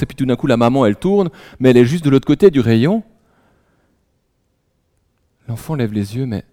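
A man raised in France preaching a sermon, telling stories in a conversational way and often dropping to a hushed near-whisper. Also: medium pitch, no echo, studio quality. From France, raised in Alsace. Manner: many restarts, conversational storytelling.

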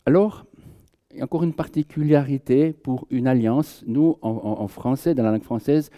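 A man's voice: medium pitch, moderate pace, muffled recording. A man giving an informal Bible teaching to a group, conversational, joking with listeners and often restarting his sentences. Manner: conversational, jokes with the audience, many restarts. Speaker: preacher.

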